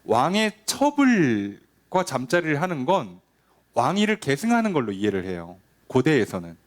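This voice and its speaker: A man's voice: medium pitch, huge pitch swings, normal speed. A male pastor giving a conversational sermon, often asking the congregation rhetorical questions and acting out quoted lines.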